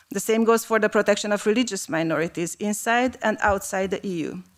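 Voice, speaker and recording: Woman giving a formal speech. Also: mid-range voice. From Romania. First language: Hungarian. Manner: reads from a prepared text, measured and formal. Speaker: panel speaker. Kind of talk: prepared policy speech at a panel.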